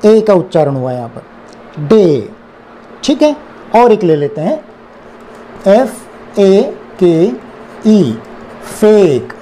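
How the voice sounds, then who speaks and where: A man's voice: high voice, very animated, takes it slowly, long pauses, warm tone, slight background noise. A man with an Indian accent teaching English phonics, spelling words letter by letter and repeating them. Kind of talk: slow explanatory phonics lesson.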